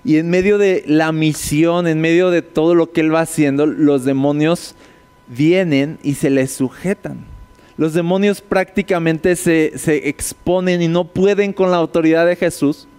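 A man gives a conversational sermon, breaking down scripture and tossing his listeners quick tag questions. His voice sits fairly high and sounds smooth and resonant. A long reverb from a large hall trails after his words. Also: fairly even intonation, darkish tone. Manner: explanatory, rhetorical tag questions. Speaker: preacher. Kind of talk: conversational sermon, Bible teaching.

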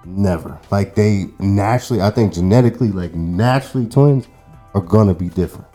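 Soft music sits under this podcast co-host, a man in his thirties whose mellow voice runs on the low side and moves fairly quickly. He rambles through a lengthy story in an easygoing chat, dropping lots of fillers and profanity.

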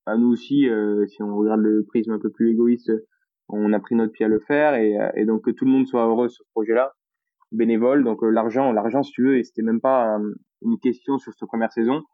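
Man, Toulouse accent, casual podcast guest, halting speech, tinny phone-line sound, dry. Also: lowish voice, fairly even intonation, dry recording. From Toulouse, France. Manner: hesitant, full of fillers.

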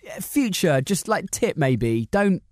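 A man co-hosting a podcast, telling stories in animated casual chat and laughing often. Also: sits high, takes it slowly, no room sound, studio quality. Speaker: podcast co-host.

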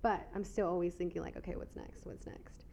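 Speaking low, fairly quick and with fairly even intonation, this young American guest, a figure competitor, has a creaky, mellow voice. She's chatty in casual conversation, leans on "like" as filler and laughs readily, with slight background noise behind her.

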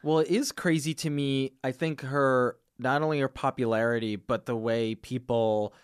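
A man's voice: medium pitch, steady tone, moderate pace, clean tone, no echo, clean studio sound. A man co-hosting a comedy podcast with casual, conversational banter.

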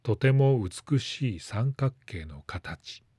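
A man narrates a story in a calm, measured reading voice that sits at an ordinary middle pitch. The sound is dry and close, with no room around it. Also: breathy edge, no room sound. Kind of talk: scripted narration.

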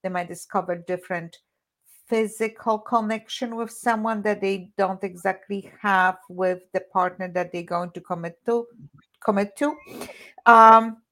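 A woman's voice: medium pitch, fairly even intonation, unhurried, a bit bright. A woman who is a relationship coach, co-hosting a podcast in casual chat, hesitant with stumbling restarts.

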